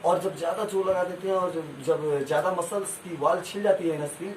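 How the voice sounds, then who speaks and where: A man's voice: high voice, fairly even intonation, a little fast. Man teaching a class in an echoey room. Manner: asks the class to repeat answers, homely examples. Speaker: school science teacher. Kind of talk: classroom lesson with call-and-response. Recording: echoey room, far from mic, noisy.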